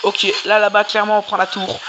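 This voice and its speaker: A gamer doing casual, slangy, exclamatory live commentary on gameplay, with a mid-pitched voice. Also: monotone, fairly quick, muffled recording, heavy background noise. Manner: informal, slangy, exclaiming at plays. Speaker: gaming video creator. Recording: music behind the voice. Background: music.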